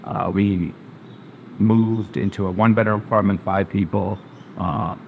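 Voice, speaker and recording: Over phone-quality sound with slight background noise, a Zambian-born, New Jersey-raised family doctor answers an interviewer's questions plainly but hesitantly, filling pauses with uh and um. His voice is fairly low, with fairly even intonation and a measured pace.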